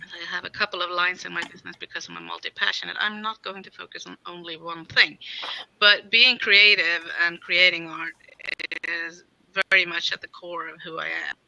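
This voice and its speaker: Bright, gravelly woman. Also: lowish voice, fairly even intonation, fairly quick, dull audio. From Sweden. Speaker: artist and intuitive guide. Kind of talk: casual video-call chat. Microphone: video call.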